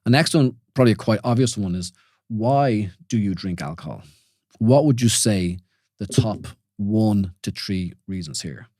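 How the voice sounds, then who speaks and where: An Irish man in his forties hosts a reflective solo podcast, his voice sitting on the low side with a darkish tone and lively intonation at a moderate pace. He talks informally with listeners, restarting often and asking "you know?" a lot. The recording is studio quality with no room sound.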